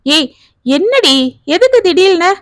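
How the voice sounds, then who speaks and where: A woman's voice: very high-pitched, sing-song, takes it slowly, no echo, studio quality, pitched above the performer's own voice, full character voice. A woman voicing a caring young office worker who fusses over her younger cousin. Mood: anxious. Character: caring, bustling office-working older sister.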